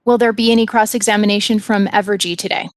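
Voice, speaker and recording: Casting: woman, presiding judge, medium pitch, formal and polite procedural delivery, very dry sound. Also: steady tone, quick pace, no room sound. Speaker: judge presiding over a regulatory hearing. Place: remote hearing by audio and video link.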